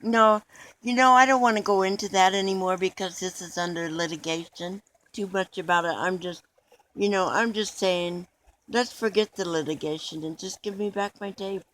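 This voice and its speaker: A man's voice: high voice, steady tone, moderate pace, bright, forceful tone, slight background noise, low-quality recording. A man being interviewed in a mock documentary, talking in an earnest, rambling way with restarts.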